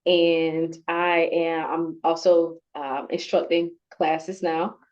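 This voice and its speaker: A woman talks in an earnest, heartfelt way, her thoughts coming in halting pieces. Her voice sits a little low for a woman. The sound is dull and lo-fi. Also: flat delivery, darkish tone. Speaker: award-winning procurement professional, guest. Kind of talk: conversational interview.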